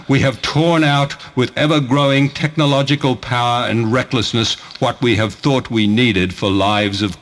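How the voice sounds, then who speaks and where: A man's voice: mid-range voice, fairly bright tone. A grand, foreboding orator acted by a man declaims an audio drama monologue like a hammy stage actor. The mid-range voice is theatrical and lamenting, weighting each phrase for effect. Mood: awed, lamenting.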